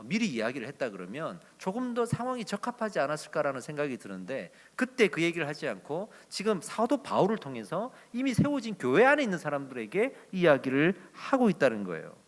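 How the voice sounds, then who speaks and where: A male pastor preaching a sermon at a Friday prayer meeting in an expressive storytelling manner. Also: a little high, a little fast, hardly any pauses, long reverb tail.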